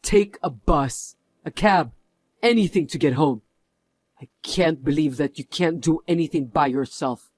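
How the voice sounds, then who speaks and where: A man's voice: a little high, a little slow, slightly rough, dry recording. A man voicing a stern company executive who scolds in a firm manner. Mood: scolding. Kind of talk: voiced story drama.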